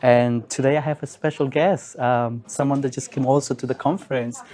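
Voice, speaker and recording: A man's voice: medium pitch, fairly even intonation, moderate pace, darkish tone. A man hosting an interview, asking questions casually with frequent fillers. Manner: casual, with fillers like "you know" and "um". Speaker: interviewer, host. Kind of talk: conversational interview.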